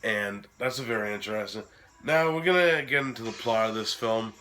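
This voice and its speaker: A man hosting a casual film review while sick, his voice cracking, talking in a halting, informal, sweary way. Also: on the low side, bright, forceful tone, low-quality recording. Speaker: host of a horror film review series.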